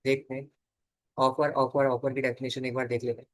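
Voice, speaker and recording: A young man giving a law lecture, dictating definitions slowly and answering his own questions as he teaches. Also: medium pitch, flat delivery. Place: classroom or studio.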